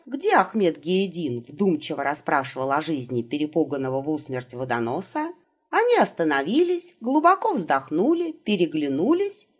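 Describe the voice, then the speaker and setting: A woman narrating a humorous fantasy audiobook with expressive, ironic delivery. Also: on the low side, husky, highs cut off. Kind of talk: scripted narration.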